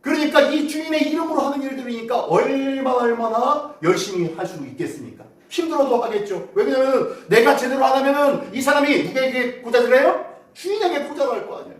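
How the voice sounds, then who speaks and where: A male pastor delivers a dramatic, exhorting sermon in a high voice that swings widely up and down. The voice echoes around the sanctuary. It is picked up from a distance. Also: animated, brisk. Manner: dramatic, exhorting preacher who acts out prayers. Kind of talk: Sunday morning sermon. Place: church sanctuary. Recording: echoey church, voice far from mic.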